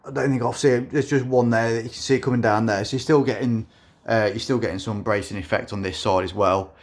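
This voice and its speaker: This time the man's voice is mid-range and he talks fast while showing off his custom motorbike in a casual vlog. He describes his delivery as monotone, with frequent fillers and restarts.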